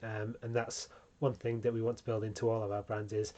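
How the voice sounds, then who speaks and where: A man's voice: fairly low pitch, fairly quick. A man hosting a branding tutorial, talking casually with frequent ums and small restarts. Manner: relaxed, many ums, self-correcting. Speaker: channel host teaching branding.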